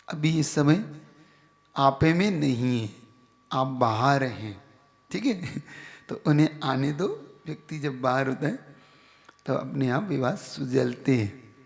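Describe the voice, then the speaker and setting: In a reverberant, large hall full of listeners, a monk preaches in a conversational style and asks his audience questions. He speaks at a fairly high pitch with vocal fry.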